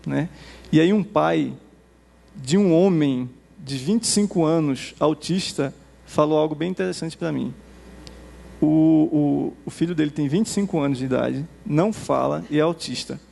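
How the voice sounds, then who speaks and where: A Brazilian Portuguese-accented man giving a conversational conference presentation to teachers. He demos software and tags nearly every phrase with a quick "né?". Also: on the high side, vocal fry. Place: conference hall. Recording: reverberant hall.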